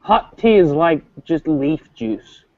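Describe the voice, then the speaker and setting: A man's voice: a little high, big pitch swings, slow pace, mellow, lo-fi sound. A man in casual sports chat, wry and playful.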